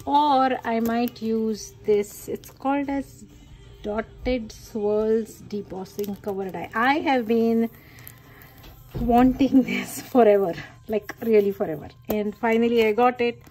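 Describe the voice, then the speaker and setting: A woman's voice: fairly high pitch, steady tone, slow pace, darkish tone, faint music behind, rough recording. A woman talking casually through a card-making tutorial, chatty and enthusiastic, thinking aloud with many fillers. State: hiccuping. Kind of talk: casual craft tutorial talk.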